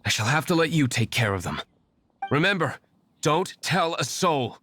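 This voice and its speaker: An actor playing an aloof, brooding young aristocratic vigilante in a video game, formal, curt and dry. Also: male voice, on the high side, sing-song, normal speed, a bit bright, slight background noise. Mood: stern. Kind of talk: video game character acting.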